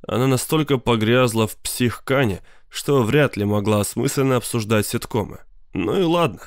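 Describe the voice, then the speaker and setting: A man reading an audiobook in measured scripted narration. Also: medium pitch, smooth, no room sound, clean studio sound. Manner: measured storytelling.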